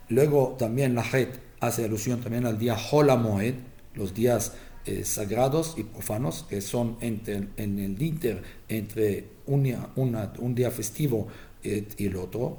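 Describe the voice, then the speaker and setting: A man's voice: mid-range voice, dark tone. A man, a rabbi, giving a Torah lesson as a teacher who tells stories and keeps asking his listeners whether they follow. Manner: storytelling teacher, asks listeners "¿sí?"; acts out the family members' replies in a raised voice.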